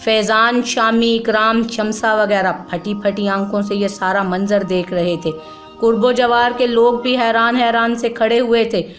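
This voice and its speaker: A woman narrating a novel in a steady, measured storytelling voice. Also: on the high side, soft background music.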